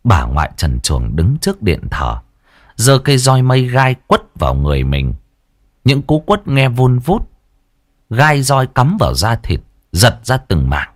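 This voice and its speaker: A man narrates a horror story dramatically and tensely, his pitch swinging widely in a sing-song way at a measured pace. It's a dry, studio-quality recording with no room sound, with faint music in the background.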